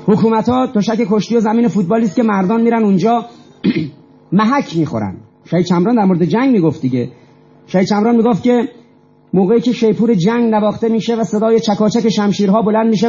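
Male lecturer, emphatic and rhetorical, high mellow voice, muffled lo-fi recording. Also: breathy edge. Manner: emphatic, rhetorical questions, repeats phrases. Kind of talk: impassioned speech to an audience.

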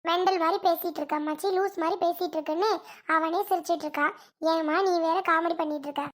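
A woman's voice: very high voice, steady tone, quick pace. A woman playing a young mother in a family comedy skit, who brushes off and mocks her nagging mother. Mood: dismissive. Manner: brushing off, mocking. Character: young mother, dismissive and teasing.

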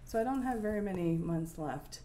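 A woman's voice: fairly low pitch, expressive, a little fast, dark tone. A woman from Nova Scotia in her forties, chatting casually about her cross-stitch project at home, thinking aloud with plenty of ums. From Nova Scotia, Canada. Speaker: cross-stitch video host. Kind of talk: casual show-and-tell chat. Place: home room with window blinds, indoors. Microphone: fixed camera at desk distance.

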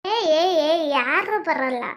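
Woman as sing-song, leering cellmate in a comic skit; high voice. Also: animated, slow pace, fairly bright tone, heavily acted. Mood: taunting. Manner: taunting, sing-song repetition. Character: pushy, leering female cellmate, bossy.

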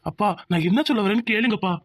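An earnest pleading young son. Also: male voice, high voice, expressive, fast, dry recording. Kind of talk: cartoon dubbing. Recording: dull lo-fi audio.

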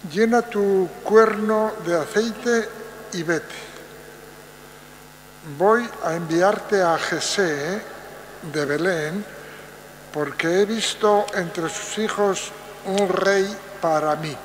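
Older male lay reader, lectern mic, echoey church, faint mains hum. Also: high voice. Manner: very slow, measured, deliberate phrasing. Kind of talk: liturgical Bible reading. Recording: roomy church echo, long reverb, faint mains hum.

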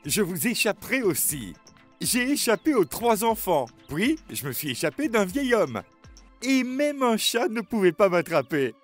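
A man's voice: sits high, very animated, measured pace, faint music behind. A man voicing a boastful runaway pancake in a cartoon, taunting in a sing-song way. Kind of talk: cartoon voice acting.

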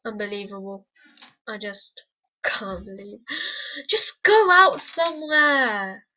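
A woman giving casual let's-play commentary, excitable and repetitive, humming and singing to herself. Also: medium pitch, slow pace, muffled recording. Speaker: gameplay commentator.

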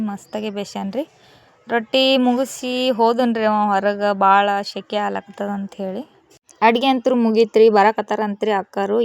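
A woman's voice: mid-range voice, gravelly. A woman, chatting casually to viewers as she cooks at home for her vlog. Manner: chatty, addresses viewers politely with frequent "ri". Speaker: vlogger.

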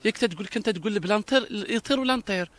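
A man's voice: sits high, very fast, fairly bright tone, no room sound. A man with a Moroccan Darija accent, speaking in an interview with emphatic, repetitive talk and frequent restarts.

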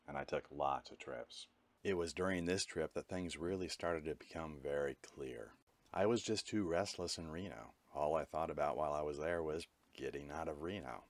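Vlogger narrator: man with an extremely low voice, candid and matter-of-fact, dry close recording. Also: no room sound. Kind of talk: reflective voice-over narration.

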